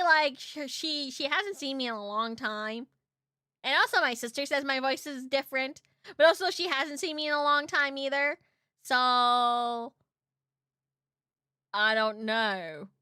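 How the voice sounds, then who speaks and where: Cute, bright, high-voiced anime-style woman streamer. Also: measured pace, dry recording, clean studio sound. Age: 30s. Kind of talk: casual livestream chat.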